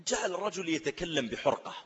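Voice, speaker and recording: A man preaching a sermon, telling stories in an animated way and asking rhetorical questions. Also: on the high side, fast, slightly rough, long reverb tail, highs cut off. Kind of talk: sermon with storytelling.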